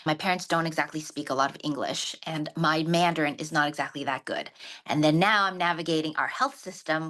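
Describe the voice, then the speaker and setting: A woman's voice: lowish voice, fairly bright tone. A woman sharing earnestly and reflectively in a women's circle, often restarting mid-thought. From grew up in the US, born in Japan. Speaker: panel participant.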